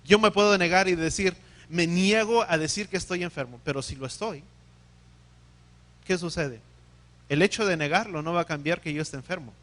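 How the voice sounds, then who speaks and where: Male preacher, high voice, teaching sermon, questions to the congregation. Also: normal speed, pauses often, a bit bright. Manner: teaching, asks the congregation questions, restarts and corrects himself.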